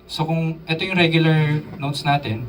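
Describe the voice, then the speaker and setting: A man's voice: a little high, moderate pace, over music. A man teaching a drum workshop, chatting casually and quizzing his audience. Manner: casual, asks the audience questions, code-switches with English terms. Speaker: drum instructor. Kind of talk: live drum workshop talk. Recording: voice distant from the mic, drums in the room.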